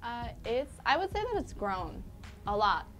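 In a casual studio interview with curtains behind her and music playing, a young woman from Liberia chats and laughs a lot, using many fillers. Her voice is fairly high, sing-song and a bit bright, and she doesn't hurry.

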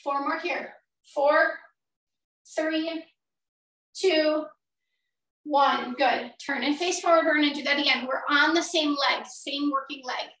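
A middle-aged woman leading a workout as an energetic aerobics instructor, counting and cueing while exercising along. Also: high voice, takes it slowly, pauses often. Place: small indoor home gym. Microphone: far camera a few metres away. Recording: roomy echo, distant microphone.

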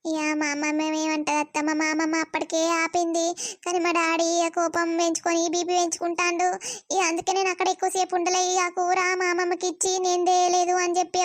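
A woman's voice: very high voice, dry recording. A woman voicing a tearful young married village woman, pleading and sad. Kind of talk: cartoon voice acting.

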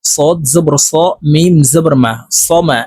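A man, his voice sitting a little high, teaches recitation in a spoken lesson. He breaks words into letters and vowel marks and spells each one out with patient care. The close recording is dry, with no room echo. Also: slow, a little mellow, breathy edge.

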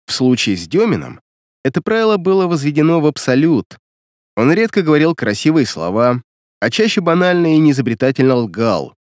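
A man's voice: on the high side, big pitch swings, fairly quick, no room sound, studio quality. Wry male audiobook narrator. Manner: wry, ironic storytelling. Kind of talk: first-person audiobook narration.

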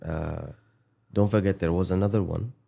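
A man in his forties as a podcast guest, speaking in a measured way and hedging as he recalls details, at a desk microphone. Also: low voice, steady tone, creaky, warm tone. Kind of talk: conversational interview. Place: studio set with desk. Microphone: desk boom mic.

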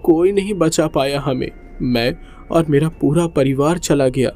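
A man's voice: fairly high pitch, unhurried, darkish tone, faint music behind, close to an everyday voice. A man voicing a grieving ghost girl who speaks mournfully. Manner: mournful, tearful.

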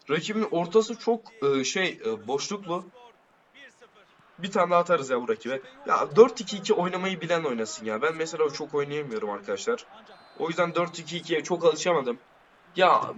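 A young man giving excited live commentary on his own football video game, shouting at plays and bantering slangily with his viewers. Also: a little high, highs cut off. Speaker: gaming video creator.

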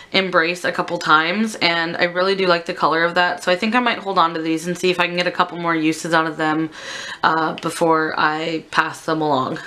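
A woman beauty vlogger with a sick, stuffed-up swamp-monster croak. Her voice sits a little low yet has a bright, forceful edge. She rambles in a candid, casual way as she talks through products. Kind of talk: casual chatty product declutter. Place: indoors at a makeup desk.

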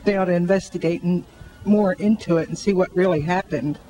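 A woman's voice: lowish voice, brisk, dark tone, poor audio. An older woman speaking in a friendly, earnest way into a handheld mic in a shopping mall. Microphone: handheld mic held by interviewer.

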